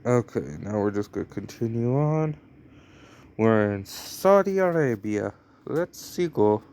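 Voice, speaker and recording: A young man from the United States rambles casually while playing a mobile game, hesitating and filling gaps with plenty of fillers. His medium-pitched voice is animated and a little mellow, moving at a measured pace.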